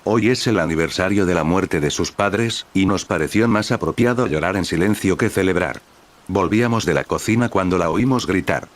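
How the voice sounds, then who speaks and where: A man reading the lines of a calm, precise young witch girl, speaking in a clear, even and matter-of-fact way. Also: deep voice, moderate pace, natural voice.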